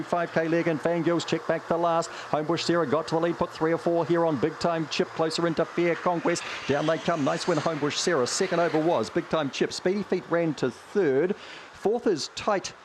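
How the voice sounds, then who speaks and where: Broad Kiwi man calling races, noisy trackside. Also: a little high. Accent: broad New Zealand. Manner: clipped running call of positions. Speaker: greyhound race commentator. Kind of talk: live race commentary.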